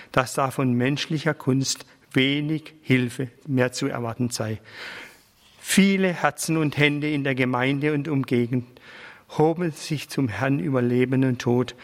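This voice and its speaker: A man reads a biography aloud in a slow, measured, reverent manner. His voice sits at a middling pitch. A long reverb lingers after each phrase, as in a large hall. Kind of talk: solemn reading of a biography aloud.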